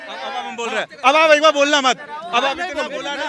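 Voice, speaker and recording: A man's voice: very high-pitched, a little fast. Insistent man debating over a crowd. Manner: insistent, interrupting, sarcastic. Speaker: street debate participant. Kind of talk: heated street debate. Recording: crowd noise behind.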